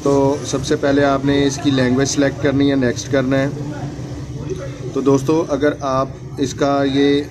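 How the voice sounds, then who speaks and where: Unhurried and flat at a medium pitch, the phone repair tutorial host narrates his hands-on repair step by step over music. He repeats his instructions and calls viewers friends, and the home recording is noisy.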